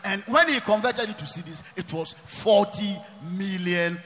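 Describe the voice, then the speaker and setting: A man preaching, emphatic and often shouting, repeating his phrases. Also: sits high, a little slow, soft background music. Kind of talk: preaching sermon. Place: large church hall. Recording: long reverb of a large church hall.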